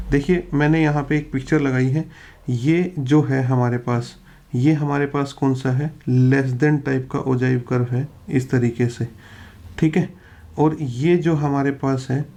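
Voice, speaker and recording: A man's voice: medium pitch, dark tone. A male teacher giving an exam-prep lecture over slides, posing rhetorical questions and answering them himself, with English technical phrases mixed into his explanation.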